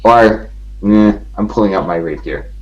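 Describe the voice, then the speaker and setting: A man with a fairly low voice plays a tabletop game. He speaks casually, as if chatting with the group. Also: a little slow, muffled recording.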